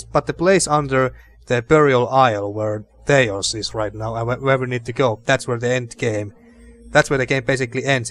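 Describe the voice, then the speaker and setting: A man's voice: medium pitch, a bit bright. A man hosting a let's play, commenting and reading game text aloud, often repeating and rephrasing himself.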